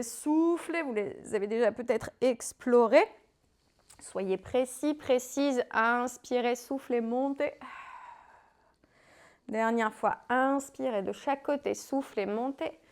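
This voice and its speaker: A woman with a French accent coaching a home core workout, calmly cueing breath and movement and now and then stumbling over a word. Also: a little high. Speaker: fitness coach. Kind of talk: guided home workout instruction. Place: home living room.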